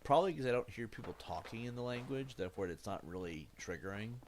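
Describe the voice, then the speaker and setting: An American gaming streamer in his thirties chats casually while he plays, rambling with plenty of fillers and self-corrections. He has a deep voice and talks fast. Steady background noise runs under the recording.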